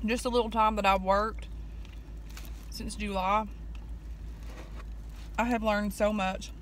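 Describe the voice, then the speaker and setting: A woman vlogging casually in halting, rambling phrases, chewing as she talks. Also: medium pitch, fairly even intonation, slight background noise. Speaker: vlogger, nursing assistant. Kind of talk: casual chatty mukbang vlog.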